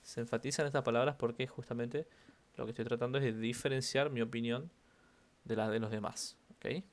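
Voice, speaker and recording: A man's voice: medium pitch, steady tone, brisk. A man with a Rioplatense Spanish accent teaching an online English class, explaining intonation and repeating example phrases with stress.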